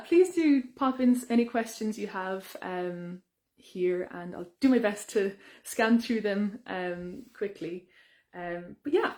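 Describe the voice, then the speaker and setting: A young woman, a singer, chatting brightly with fans during a live Q&A, with many ums and restarts. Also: mid-range voice. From Ireland. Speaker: singer hosting a fan Q&A. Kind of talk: casual live-stream chat. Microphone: phone or webcam on a live stream.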